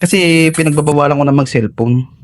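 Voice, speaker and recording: A man's voice: on the high side, brisk. A man vlogging at home in a bedroom with his small child, teasing and joking while stuffy with a cold. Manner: playful and teasing, laughs often. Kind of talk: casual home vlog.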